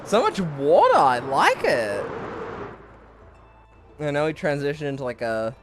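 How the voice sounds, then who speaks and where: A man's voice: a little high, huge pitch swings, a little slow, over music. A young man giving casual live commentary on his gameplay, rambling and swearing, a bit out of breath. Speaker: streamer.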